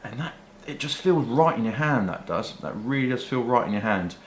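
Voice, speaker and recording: A British man with a medium-pitched, expressive voice speaks at normal speed, casually showing off pipes and tobacco to camera. Rambling and colloquial, with some mild swearing, he comes across as a hobby vlogger. The audio has a roomy echo and faint background noise.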